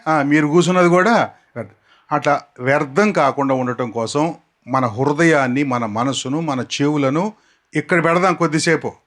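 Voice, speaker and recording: A man preaching a sermon outdoors, repeating scripture words slowly and asking his listeners to say them back. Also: a little high, a bit bright. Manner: repeats key words slowly for the crowd to echo. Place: outdoors in the sun.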